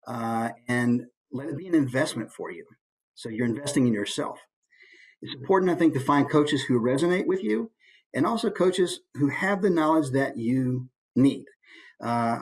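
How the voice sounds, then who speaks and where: A male voice coach and voice actor gives an informal instructional presentation, illustrating points with brief put-on voices. His medium-pitched voice carries a touch of huskiness, and the audio quality is poor.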